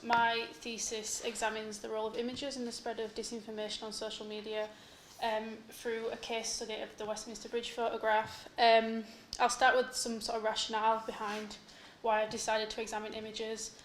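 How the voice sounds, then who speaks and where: A woman's voice: fairly high pitch, flat delivery, moderate pace. A young woman giving an academic conference presentation about her research as a PhD student. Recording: echoey room with faint noise.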